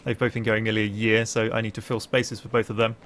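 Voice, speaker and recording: Young male streamer, dry and deadpan, casual chat over gameplay with faint noise behind. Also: on the low side, quick pace. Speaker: streamer and game commentator.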